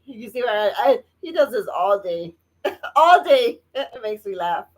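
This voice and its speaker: A woman's voice: medium pitch, very animated, unhurried, poor audio. Chatty, laugh-prone woman hosting a live stream. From Indiana, United States. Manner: chatty, laughs often, reads viewer comments aloud. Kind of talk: casual live-stream chat.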